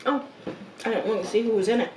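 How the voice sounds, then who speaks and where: A woman in her fifties hosts a mukbang, chatting casually to viewers and musing aloud between bites, pausing and murmuring "mm." Her voice is fairly high and a little mellow. The mic is distant, with roomy echo and background noise.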